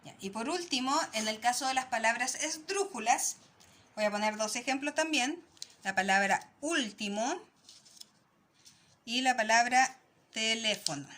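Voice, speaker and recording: A woman teaching a recorded lesson to young children, with a fairly high voice. She is patient and explains step by step, checking in with the class after each point. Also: a little slow, long pauses, bright, forceful tone.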